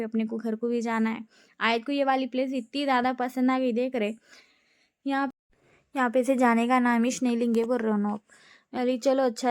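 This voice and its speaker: A woman's voice: a little high, darkish tone, clear, resonant tone, no room sound. Chatty woman, dry close voice. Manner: chatty, giggly storytelling. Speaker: family vlogger. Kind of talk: casual vlog voice-over.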